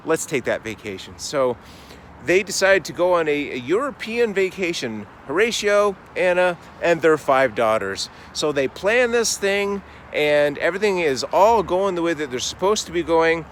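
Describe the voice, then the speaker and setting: A man telling a faith story in a casual, conversational sermon, animated and dramatic, speeding up and slowing down as he goes. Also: a little high, a little hiss or hum. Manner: animated, conversational, dramatic swings in pace and volume.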